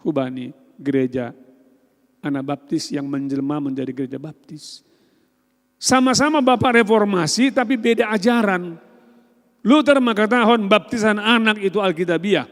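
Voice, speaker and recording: High-voiced pastor preaching in an echoey hall. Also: male voice. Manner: storytelling preacher acting out dialogues, swinging from loud to hushed. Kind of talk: sermon. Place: church.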